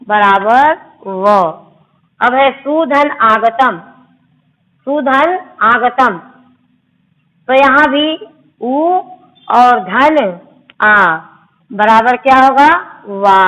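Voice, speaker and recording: A woman's voice: fairly high pitch, fairly bright tone, poor audio. A woman teacher explaining grammar rules step by step in a classroom lesson, repeating each sound.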